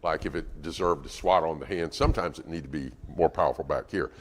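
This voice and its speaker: A middle-aged man with a low voice preaches to a congregation. He talks in an easy, conversational way and often breaks into lively acted-out lines from parents and children. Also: fast talker, a little hiss or hum. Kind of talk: sermon.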